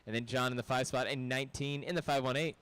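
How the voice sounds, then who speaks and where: A man announcing a live race at an indoor RC raceway, briskly calling drivers and reading out results. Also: medium pitch, steady tone, fairly bright tone, clean tone, rough recording.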